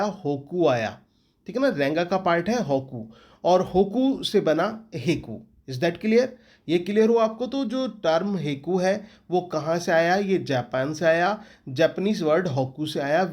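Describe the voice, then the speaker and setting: This English literature teacher has an Indian accent and a high voice with a somewhat dark tone. During his exam-prep lecture, he often repeats students' questions aloud.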